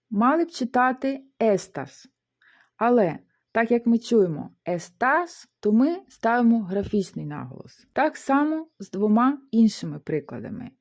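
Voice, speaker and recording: A woman teaching a beginner language lesson, explaining rules step by step and sounding out syllables slowly. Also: medium pitch, a little mellow. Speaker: Spanish teacher.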